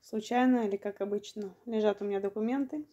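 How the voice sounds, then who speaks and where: A woman around fifty from Ukraine, telling a long personal story in a vlog, unhurried and matter-of-fact, slightly short of breath. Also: mid-range voice, fairly even intonation, warm tone. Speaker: vlogger.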